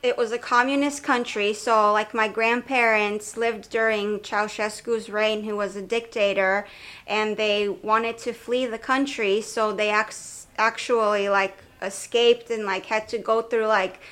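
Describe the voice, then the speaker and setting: A woman's voice: medium pitch, fairly even intonation, a little slow, fairly bright tone. A young woman from Romania, a podcast guest sharing her life story in a casual, conversational way, with many fillers and self-corrections. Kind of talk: casual personal testimony.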